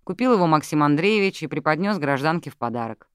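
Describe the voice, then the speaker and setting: A man's voice: fairly high pitch, lively intonation, fast, a bit bright, smooth, no echo. A reader voicing a dry, mocking male investigator who speaks in blunt officialese. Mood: reporting.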